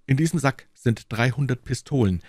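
A man's voice: mid-range voice, animated, moderate pace, a little mellow, husky, no room sound, clean studio sound. A man voicing an eager, determined young musketeer in an audiobook reading, speaking urgently and insistently. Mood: assured.

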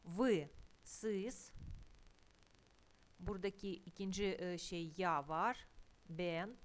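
Slow, careful woman teaching Russian. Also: fairly low pitch. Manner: slow, deliberate, pronounces Russian words carefully and repeats them. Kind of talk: slow explanatory language lesson.

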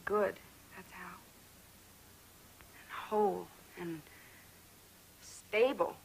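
A woman's voice: mid-range voice, fairly even intonation, drawn-out words, gravelly, slight background noise, poor audio. An actress in her thirties playing a bitter, witty woman on a psychiatric ward in a 1970s TV movie, sardonic and emotional. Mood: defiant. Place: hospital ward room.

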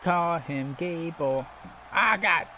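A man co-hosting a casual let's-play, swearing loudly and chanting mock entrance music at the screen. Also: on the high side, slow. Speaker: gaming co-host. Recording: noisy game-audio background.

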